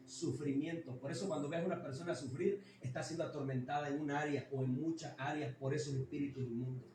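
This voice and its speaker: A man preaching a fiery Pentecostal sermon, emphatic and repetitive, rising to sudden high stresses. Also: steady tone, fast, a little mellow, slight background noise. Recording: echoey church hall, mic far off. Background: worship music.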